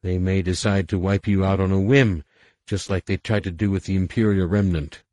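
A man's voice: sits low, fairly even intonation, moderate pace, a little mellow, dry recording, studio quality, natural voice. A man voicing a tired but earnest female scientist who argues urgently and insistently. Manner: urgent and pleading. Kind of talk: audiobook character voice.

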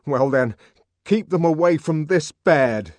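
A man's voice: on the high side, lively intonation, slow pace, darkish tone, no echo, voice pushed up. A man voicing an indignant young man whose voice trembles with anger.

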